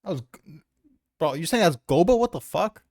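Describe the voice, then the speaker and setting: A tier list maker defends his manga character rankings in a casual debate, informal and prone to swearing. His fairly high voice is expressive at a moderate pace, with studio-quality sound and no room ambience.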